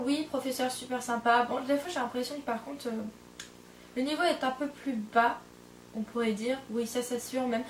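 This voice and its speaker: A woman's voice: high-pitched, slight background noise. A young woman in her twenties from France chatting casually in a vlog, rambling with lots of fillers and self-corrections. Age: 20s. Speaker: au pair vlogger. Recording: roomy echo, distant from the mic.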